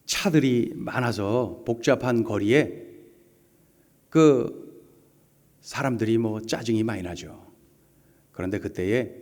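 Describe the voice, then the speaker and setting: A man's voice: lowish voice, a little mellow, big-room sound. A man preaching a Sunday sermon as pastor, telling stories and pressing the point with rhetorical questions. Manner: storytelling, rising to emphatic rhetorical questions. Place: church sanctuary.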